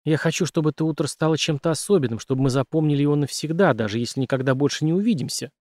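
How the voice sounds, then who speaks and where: A man voicing a young woman doctor shaken by nightmares, his pitch raised and tense. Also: rapid-fire, darkish tone, no echo, studio quality, natural voice. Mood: tender.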